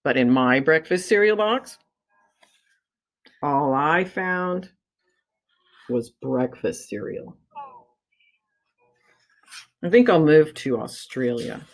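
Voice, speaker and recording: A woman's voice: low voice, animated, slow, long pauses. A woman reading a children's story aloud expressively, like a teacher, drawing out key words for dramatic emphasis.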